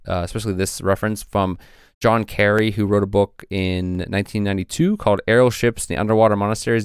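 Man, low-pitched, smooth resonant voice, casual podcast co-host, reads from old records, hesitant fillers. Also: no room sound, clean studio sound. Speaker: podcast co-host presenting research.

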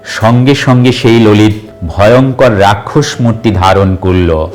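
A man giving devotional instructions and telling a scripture story in a deliberate, recited manner. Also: on the low side, darkish tone, soft background music. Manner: slow, deliberate, recited listing. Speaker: devotional teacher.

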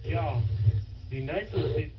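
A man in an online English class, repeating practice sentences slowly and carefully after his teacher's corrections. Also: on the high side. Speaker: student. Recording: muffled online call with loud noise.

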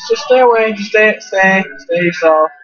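A young man commentating his own gameplay, swearing a lot and yelling in frustration at a companion character. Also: high voice, normal speed, lo-fi sound, soft background music. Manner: profane, yells in frustration at a companion. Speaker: gamer playing.

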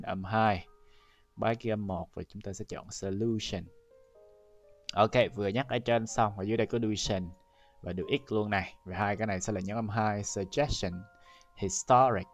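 A man from Vietnam teaching English, walking a class through an entrance exam step by step and speaking straight to the students. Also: on the low side. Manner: explains step by step, addresses class directly. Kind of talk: exam-prep lesson walkthrough.

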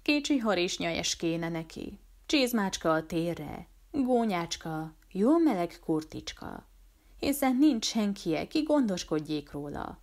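A wounded outlaw on the run, given voice by a woman reading aloud, talking low and weary as if his strength is fading. His words come quiet and resigned, with a lower pitch than usual for a woman. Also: sing-song. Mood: tender longing. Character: dying fugitive murderer man, feverish and tender. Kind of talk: audiobook character voice.

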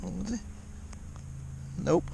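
A man's voice: takes it slowly, dark tone, poor audio. A man, a father, chatting casually and encouragingly with his young son while fishing, recorded outdoors on an action camera. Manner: upbeat, encouraging, coaching a child. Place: open marsh shoreline outdoors. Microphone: chest or head-mounted action camera. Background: faint wind and boat noise.

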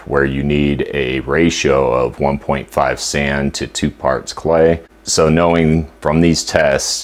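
A man in his fifties, co-hosting a homesteading channel, explains a topic to the camera in his kitchen in a steady, instructive way. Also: extremely low pitch. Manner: steady, instructive, listing points. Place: home kitchen indoors.

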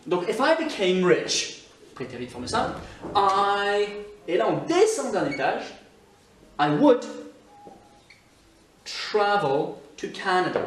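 Scottish male teacher, lesson in French, slightly high voice, roomy echo. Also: a little hiss or hum. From Scotland. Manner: explanatory, stresses example words slowly. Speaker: online English teacher. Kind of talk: French-language English grammar lesson. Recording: echoey room, somewhat far from mic.

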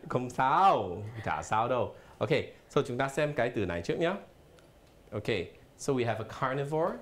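A man's voice: medium pitch, big pitch swings, normal speed. A man teaching a live televised language lesson in a studio, explaining patiently and spelling words out letter by letter. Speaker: English teacher.

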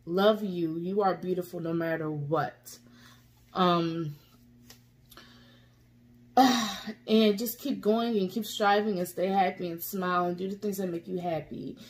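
A woman's voice: medium pitch, darkish tone. A woman vlogger talking tearfully and from the heart, rambling and encouraging her viewers after reacting to a song. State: tearful, emotional. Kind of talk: emotional casual vlog talk.

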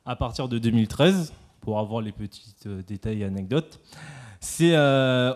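A man's voice: mid-range voice, a little mellow. Young guy, student, reading a formal intro in a lecture hall, lots of ums, kinda hesitant. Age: young adult. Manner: hesitant, with frequent filler sounds. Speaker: student interviewer.

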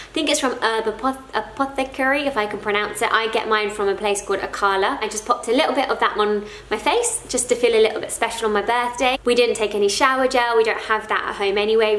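Sitting in her living room, a thirtysomething parenting vlogger talks casually into a nearby front-facing camera, passing along practical tips in a warm, chatty style. Her voice is a little high with a fairly bright tone, and the sound is roomy.

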